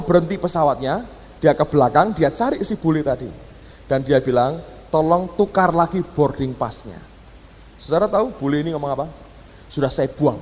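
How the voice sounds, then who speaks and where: Man, pastor, animated storytelling sermon, acts out voices, reverberant church hall. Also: high-pitched. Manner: animated, acts out quoted voices, addresses congregation as "saudara".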